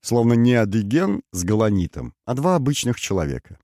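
A man reading a novel aloud as narrator, in calm, even storytelling. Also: fairly low pitch, a little fast, no room sound, studio quality. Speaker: audiobook narrator. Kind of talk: scripted narration.

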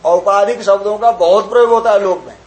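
An older man, a swami, giving a spiritual discourse on scripture, chanting verses slowly, then explaining them with rhetorical questions and examples. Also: high-pitched, darkish tone, poor audio.

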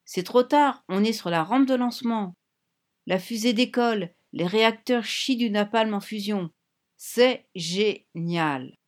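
A woman reading a storybook, voicing a young male gang leader who talks in a crude, taunting falsetto. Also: expressive, measured pace, darkish tone, lightly acted. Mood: thrilled. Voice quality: shrill falsetto.

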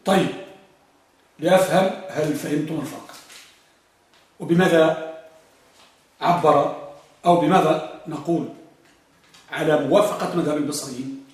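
A man's voice: on the high side, normal speed, long pauses. A man giving a grammar lesson to a class, repeating his points and quizzing the students. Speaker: grammar teacher. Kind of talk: classroom lecture. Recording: echoey room from far off.

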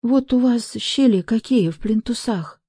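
A woman's voice: fairly high pitch, unhurried, warm tone, husky, no echo, clean studio sound, voice pushed up. A woman voicing a timid young female hotel clerk who answers hesitantly and helplessly. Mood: flustered.

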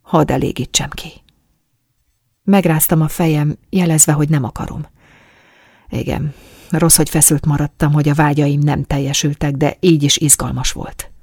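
A woman reading a first-person story aloud as an audiobook, in a calm, soft, intimate manner. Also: low voice, slightly rough, no echo, studio quality. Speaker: audiobook narrator. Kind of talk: first-person scripted narration of an erotic story.

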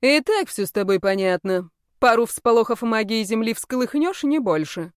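A woman's voice: fairly high pitch, lively intonation, normal speed, clear, resonant tone, dry recording, studio quality, lightly acted. A woman voicing a cheeky young male naga student who teases with slang. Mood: mocking. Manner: teasing, slangy, brash.

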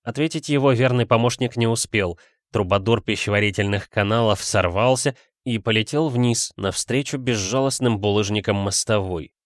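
A man reading a story aloud as narrator in a measured, even way. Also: on the low side, dry recording, clean studio sound. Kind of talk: audiobook narration.

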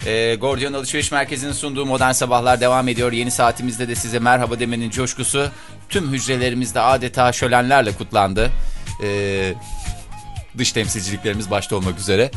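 A man's voice: medium pitch, fairly even intonation, quick pace, fairly bright tone, soft background music. A man hosting a morning radio show, bantering playfully with a co-host and reciting mock-grandiose slogans in a theatrical manner.

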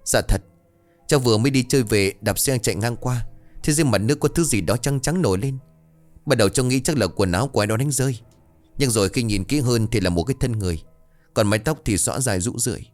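A man voicing a frightened young village man who talks in a frantic, rushed way. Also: fairly low pitch, animated, faint music behind.

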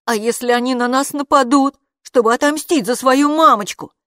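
Brief: woman reading as a jumpy little boy in a storybook, high and worried, quick to protest. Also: a bit bright, dry recording, clean studio sound. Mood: scared. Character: frightened little boy, anxious and whiny. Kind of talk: audiobook character voice.

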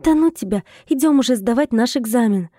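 A flustered, prickly young wife with a raised, mellow voice, as a woman reader puts her on. She bats away teasing and grumbles back. The storybook reading sounds dry and close. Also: fairly high pitch, lively intonation, fairly quick, no echo.

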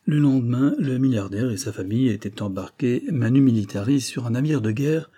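Dark-voiced male audiobook narrator. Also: mid-range voice, fairly quick, slightly rough.

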